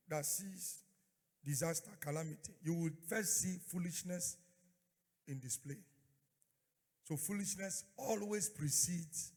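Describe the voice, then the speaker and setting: Man, fiery sermon delivery, higher-pitched voice, call-and-response preacher, insistent repetition, big reverberant church hall. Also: darkish tone. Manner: repeats phrases and prompts the congregation to respond. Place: large echoing church hall.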